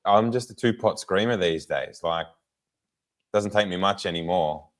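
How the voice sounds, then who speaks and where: A man, hoarse from a sore throat, co-hosting a podcast in casual, self-deprecating chat. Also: sits low, moderate pace, a crowd in the background. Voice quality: rough, smoker-like voice. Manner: dry self-deprecating banter. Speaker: podcast co-host.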